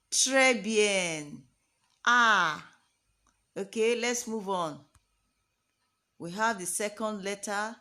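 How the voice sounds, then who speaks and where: A woman teaching the alphabet as a French teacher, speaking in slow, classroom-style steps, stretching and repeating each letter sound and asking the class to say it with her. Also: mid-range voice, fairly bright tone. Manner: drawn-out, emphatic repetition of letter sounds, calls for the class to repeat.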